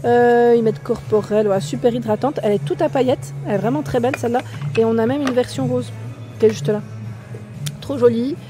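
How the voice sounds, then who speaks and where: With music playing in the background, a French-accented woman vlogs a shopping haul, strolling down a store aisle. Her voice is fairly high and a little fast as she reads labels and prices aloud and poses questions to her viewers.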